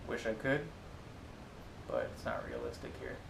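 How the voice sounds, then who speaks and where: A man's voice: wildly swooping pitch, moderate pace, vocal fry. A man in his twenties giving short, laid-back answers during a casual Q&A chat. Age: 20s. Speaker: co-host of a pet vlog. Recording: echoey room with noisy rumble.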